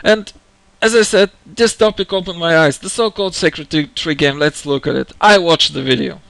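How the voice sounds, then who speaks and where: A man's voice: fairly high pitch, moderate pace, gravelly, a bit bright, dry recording. A man delivering an angry, unscripted rant as video commentary, exasperated and indignant, hammering his points by repeating phrases. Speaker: gamer giving opinion on a game franchise.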